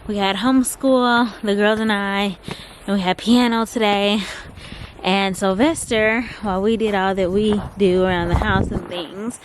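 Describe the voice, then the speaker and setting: A woman's voice: medium pitch, heavy background noise. A woman homesteader chatting casually in a vlog, out of breath and rambling with lots of filler words as she talks outdoors on her farm in the cold. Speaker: homesteader vlogger.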